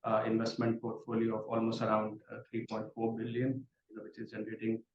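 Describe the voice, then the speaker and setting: A man's voice: fairly low pitch, completely flat delivery. Man's voice fading in and out. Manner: measured, repeats words while building sentences. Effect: voice fading in and out on a remote call line. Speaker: investment company executive. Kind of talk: remote interview answers. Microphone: remote call connection. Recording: echoey, dull remote call line with faint hiss.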